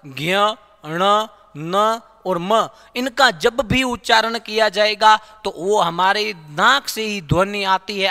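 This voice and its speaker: A man teaching a grammar lesson, repeating key terms as questions and answering them himself, and sounding out letters slowly. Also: sits high, bright, forceful tone, in a large hall. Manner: demonstrates sounds aloud, drawn out. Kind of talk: classroom-style grammar lesson.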